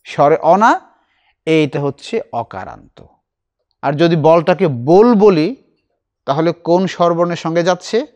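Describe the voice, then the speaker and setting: A middle-aged man teaching a recitation class, explaining slowly and asking his students questions. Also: a little high, lively intonation, darkish tone, lo-fi sound.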